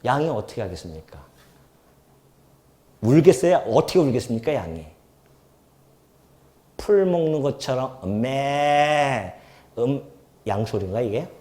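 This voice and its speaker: A man preaching an expository sermon as a pastor in a church, animated, swinging between loud emphasis and soft asides, and often asking the congregation questions. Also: medium pitch, moderate pace, long pauses. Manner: asks the congregation questions and acts out quoted speech.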